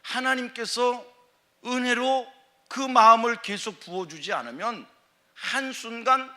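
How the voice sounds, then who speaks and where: A man who is the senior pastor, preaching a sermon in a church with emphatic swings between loud calls and soft, slow phrases. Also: very high voice. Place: church sanctuary.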